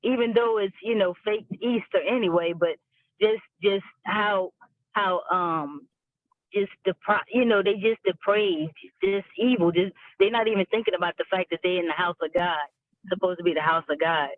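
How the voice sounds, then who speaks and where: A man calling in on a phone from his car, talking in a casual, halting way with frequent restarts. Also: sits high, no echo. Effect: phone call from a car on speakerphone. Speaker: caller. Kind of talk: casual call-in chat. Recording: tinny phone line.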